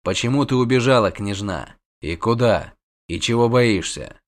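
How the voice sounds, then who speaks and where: A man voicing a gruff, weary grown monster hunter, talking low, curt and measured. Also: close to an everyday voice. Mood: dry, mocking.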